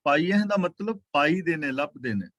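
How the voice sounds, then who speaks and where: Man, scripture teacher, slow chanted verses, plain explanations, fairly high voice, dry close sound. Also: lively intonation, fairly bright tone, no echo. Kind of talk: religious scripture class.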